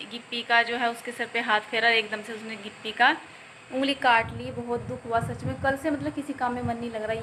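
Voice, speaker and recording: A woman's voice: fairly high pitch, sharp tone, slight background noise, poor audio. A woman family vlogger chatting casually and directly to her viewers at home. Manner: chatty, talks straight to viewers. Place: at home indoors.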